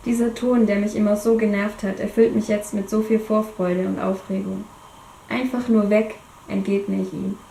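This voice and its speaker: A woman's voice: medium pitch, vocal fry, reverberant, a little hiss or hum, poor audio. Woman with a cold reading her novel aloud. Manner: reads dramatically, drops to a hush in tense moments. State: has a cold. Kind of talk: first-person novel reading.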